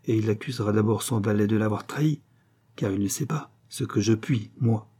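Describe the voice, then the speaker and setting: A man reading an audiobook and voicing a cold, scheming mysterious man who speaks calmly and with command. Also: on the low side, fairly quick, husky. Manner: icy, calm, commanding.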